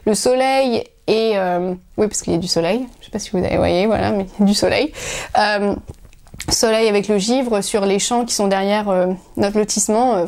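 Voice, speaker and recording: A woman's voice: on the high side, darkish tone. A woman hosting a knitting video podcast from home, chatting casually to her viewers in a rambling way with many hesitations and restarts.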